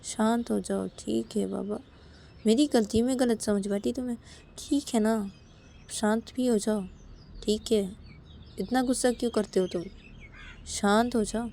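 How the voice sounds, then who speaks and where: A woman's voice: on the high side, expressive, fast talker, hardly any pauses, darkish tone, a little hiss or hum, pitched above the performer's own voice, lightly acted. Woman voicing coaxing young Siya. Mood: soothing. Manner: coaxing, repeats soothing words. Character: young woman Siya, sharp then soothing.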